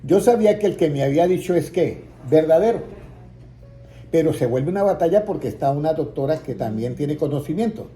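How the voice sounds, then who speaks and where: Dark-voiced man preaching a testimony. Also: fairly high pitch, expressive, fairly quick, faint music behind. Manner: storytelling, acting out quoted voices, rising to emphatic peaks. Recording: roomy echo, faint ambience.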